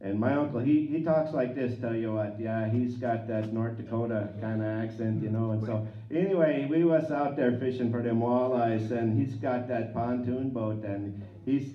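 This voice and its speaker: A man's voice: mid-range voice, moderate pace, slight background noise. A man telling a short folksy story at a music gathering, rambling a bit. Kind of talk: casual live storytelling. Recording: echoey, distant, muffled live room.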